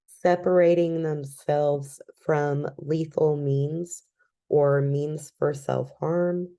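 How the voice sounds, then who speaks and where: Slow, low-voiced woman presenting calmly. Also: gravelly. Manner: calm, measured, with frequent "um" fillers. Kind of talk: recorded educational presentation.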